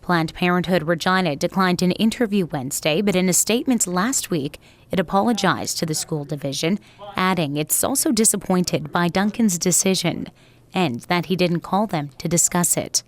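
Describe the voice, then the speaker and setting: A woman's voice: fairly low pitch, normal speed. A woman narrating a scripted television news report.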